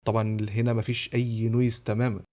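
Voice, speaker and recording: A man with an Egyptian Arabic accent narrating a software tutorial, explaining each step briskly and speaking to the viewer. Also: mid-range voice, level tone. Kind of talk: screen-recorded tutorial voice-over.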